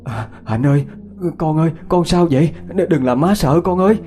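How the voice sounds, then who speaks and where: A man voicing an older grieving mother-in-law, sobbing, pleading and high-pitched. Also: animated, moderate pace, dark tone, a little hiss or hum, close to an everyday voice. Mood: frantic. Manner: wailing, high and strained.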